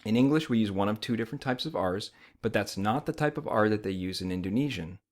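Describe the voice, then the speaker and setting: American male instructor, lowish pitch, conversational explainer who keeps checking in with the learner. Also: lively intonation, fast. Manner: conversational, often checking in with "okay". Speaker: language teacher.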